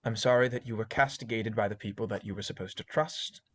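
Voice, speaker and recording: A man's voice: fairly low pitch, fast talker, a bit bright, no echo. A man doing a remorseful, pleading professor. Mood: apologetic. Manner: earnest, apologetic pleading. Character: flustered, remorseful male professor.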